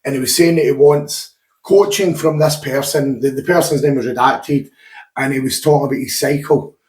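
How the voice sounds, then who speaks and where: A man's voice: mid-range voice, fairly even intonation, normal speed, darkish tone, roomy sound. A Scottish man hosting a casual podcast chat, talkative and swearing freely. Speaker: podcast host and gym owner.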